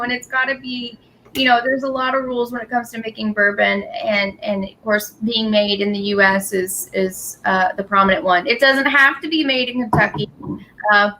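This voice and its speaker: A woman's voice: a little high, steady tone, normal speed, pushed and bright, poor audio. A woman talking casually and explaining things as a company representative at a tasting. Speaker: distillery representative. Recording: clear background noise.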